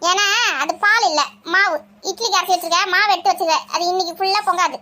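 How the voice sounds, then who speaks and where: A woman playing a nagging, sharp-tongued mother-in-law in a village family skit, scolding and taunting with quick retorts. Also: extremely high pitch, steady tone.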